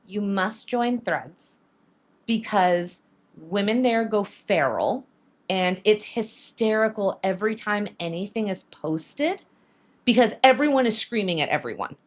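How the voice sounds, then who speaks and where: A woman co-hosting a casual craft and gossip stream, gushing and animated as she chats. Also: medium pitch, measured pace. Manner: animated, gushing fan talk with laughs. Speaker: podcast co-host. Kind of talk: casual chat while crafting.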